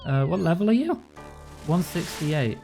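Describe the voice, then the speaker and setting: A man's voice: on the high side, big pitch swings, normal speed, gravelly, warm tone, low-quality recording. Man doing casual gameplay commentary. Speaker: game streamer. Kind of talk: casual gameplay commentary with dialogue read aloud. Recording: music behind the voice.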